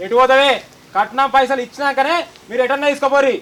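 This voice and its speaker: A man's voice: very high voice, fairly even intonation, fast talker, a bit bright. A young man with a Telangana accent playing a greedy son-in-law who aggressively demands dowry. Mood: angry. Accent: Telangana Telugu. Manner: aggressive, taunting.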